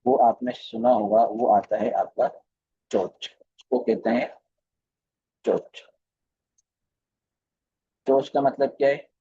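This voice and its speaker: A man's voice: mid-range voice, takes it slowly, pauses often, breathy edge, lo-fi sound. A man teaching a recorded live class on chart reading, speaking with a flavour and often repeating phrases and putting questions to his students. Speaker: trading course teacher.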